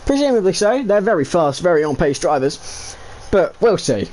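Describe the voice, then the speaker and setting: A man giving live commentary on a sim racing league race, excitable and jokey, with rambling asides between the action. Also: high voice, moderate pace, a little hiss or hum.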